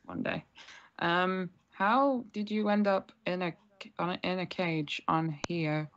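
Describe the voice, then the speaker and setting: A woman's voice: on the low side, fairly even intonation, slow, slight background noise. A woman playing a tabletop game, chatty and hesitant with frequent giggles. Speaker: player. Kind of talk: casual tabletop role-play. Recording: dull lo-fi stream audio.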